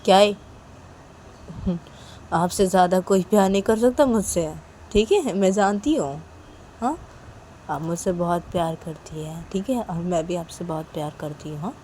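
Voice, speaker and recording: A woman's voice: lowish voice, normal speed, mellow, slight background noise, natural voice. A woman voicing a tender young woman who soothes her partner with many little questions. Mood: reassuring.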